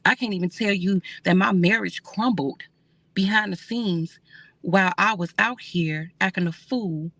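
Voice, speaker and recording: A woman's voice: lowish voice, a bit bright, no echo. A woman hosting a casual livestream, talking candidly and reading viewer comments aloud.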